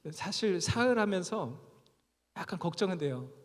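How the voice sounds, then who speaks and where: A man's voice: sits high, animated, normal speed. Chatty male lecturer in a ringing chapel. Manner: chatty, asks the audience questions, humorous. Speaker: guest lecturer at a church Bible conference. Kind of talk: conversational Bible lecture. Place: large church chapel. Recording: reverberant church chapel.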